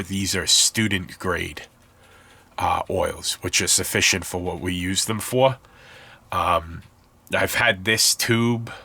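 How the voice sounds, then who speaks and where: Gravelly, low-pitched, and pushed bright, a congested man chats his way through a casual hobby tutorial. He shows off his scale model build while stuffed up, rambling and correcting himself as he goes.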